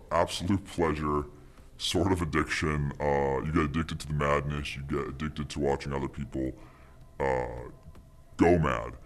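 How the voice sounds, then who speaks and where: An anonymous man interviewed with his voice electronically distorted to sound very deep, giving smug, conspiratorial advice. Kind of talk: mock interview.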